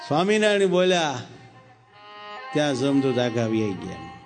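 A man preaching through a story, animated and dramatic, with sharp shifts in pitch and pace. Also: moderate pace, soft background music. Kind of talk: sermon storytelling.

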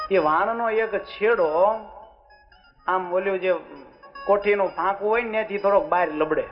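Casting: a lively male religious storyteller, high voice, muffled recording. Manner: lively, asks the audience "understood?". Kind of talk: folksy sermon storytelling. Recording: muffled with faint music.

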